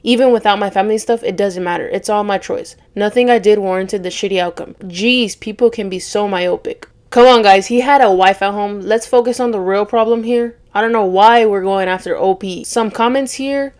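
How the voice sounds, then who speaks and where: A woman's voice: medium pitch, normal speed, hardly any pauses, darkish tone. A woman reading online stories aloud as a storytime host, breaking in with blunt, sarcastic asides.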